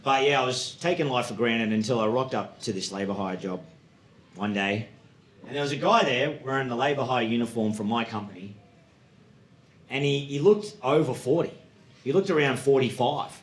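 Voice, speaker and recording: A man in his late thirties with an Australian accent, telling stories in a stand-up comedy set and acting out high, excited voices. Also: normal speed. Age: 30s. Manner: storytelling, acts out voices with sudden high excited jumps. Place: comedy club stage. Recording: echoey club room with audience.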